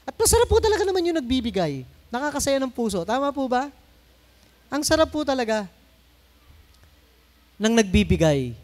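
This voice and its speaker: A man's voice: very high voice, very animated, moderate pace, long pauses, a little mellow. A middle-aged Filipino man preaching a sermon in a conversational way, mixing in English phrases and asking the congregation to answer him. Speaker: pastor.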